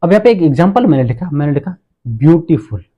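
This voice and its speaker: A man's voice: a little high, very animated, lo-fi sound. A man teaching an English grammar lesson, who asks questions and then answers them himself. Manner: asks rhetorical questions and answers them, repeats words slowly.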